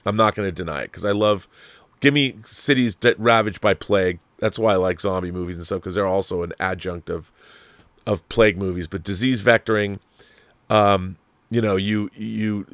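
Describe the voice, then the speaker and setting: Replying to viewer messages on his film and TV commentary show, this host gets rambling and emphatic, voicing strong opinions, circling back on points and cursing liberally. The voice is fairly low and a bit bright, recorded with no room sound.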